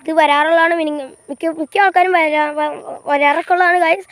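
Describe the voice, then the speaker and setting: High flat-voiced woman doing a halting casual tour vlog outside on a bike, old phone mic, keeps saying guys. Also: no room sound. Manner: halting, repeats herself, constantly says "guys"; talks while riding a bicycle. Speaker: vlogger. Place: outdoors by rural fields and a canal. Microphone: old phone camera.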